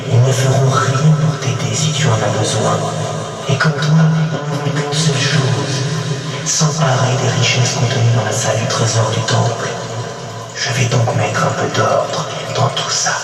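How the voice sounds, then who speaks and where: A man's voice: medium pitch, fairly even intonation, a little slow, natural voice. A male actor playing a solemn, mysterious temple oracle in a board game recording, speaking in a portentous, prophetic trance-like manner. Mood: stern, ominous. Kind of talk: scripted board game CD narration. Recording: very echoey, distant, music behind. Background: clear music.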